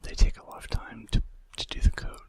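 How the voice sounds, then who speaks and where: A man hosts an ASMR clip, whispering facts gently and breathily right into the microphone at a brisk pace, with the odd casual, hesitant aside.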